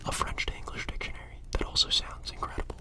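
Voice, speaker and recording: Hushed library whisper, someone playing an easygoing pushy librarian, whispered role-play, repeats stuff softly. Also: fast talker, lightly acted. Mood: hushed, helpful. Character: casual, easygoing, slightly pushy librarian recommending books.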